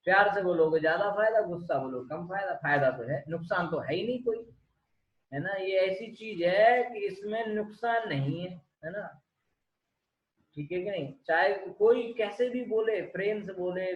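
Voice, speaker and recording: A man giving a lively devotional scripture talk, often asking his listeners rhetorical questions. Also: high voice. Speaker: spiritual lecturer. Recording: echoey dull room recording.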